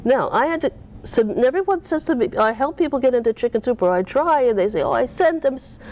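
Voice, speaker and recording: Animated woman author, swooping pitch. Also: fast talker. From Cape Cod, US. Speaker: author being interviewed. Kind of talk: casual interview talk.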